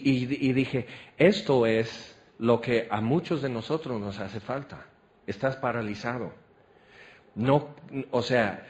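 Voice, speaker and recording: A middle-aged man with a Mexican accent preaching a sermon, telling stories and dropping into soft, confiding tones. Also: medium pitch. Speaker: pastor.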